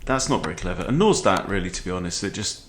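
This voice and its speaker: In a book-lined home room, a chess video host in his forties gives casual game commentary, frequently tossing in short questions to check in. His low voice is animated and fast, with slight background noise.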